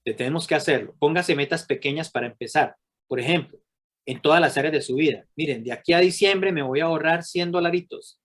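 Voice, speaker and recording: Man, middle-aged, slightly high voice, animated workshop speaker, rhetorical questions to the audience. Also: fairly quick. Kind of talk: live workshop talk to a group.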